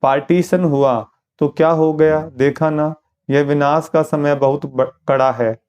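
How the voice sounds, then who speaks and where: A man explaining a spiritual lesson as a sermon, steady and explanatory, asking rhetorical questions. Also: on the high side, a little slow, smooth. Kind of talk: sermon commentary.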